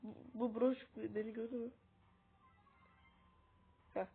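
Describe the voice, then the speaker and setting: A woman's voice: fairly high pitch, level tone, takes it slowly, husky. A woman who is sick, chatting casually to her viewers as she plays and teaches a mobile game, speaking into a tablet's mic. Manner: chatty, keeps calling out to viewers as friends. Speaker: gaming video host. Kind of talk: casual gameplay commentary. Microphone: tablet's built-in mic. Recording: tinny lo-fi tablet audio with faint hiss.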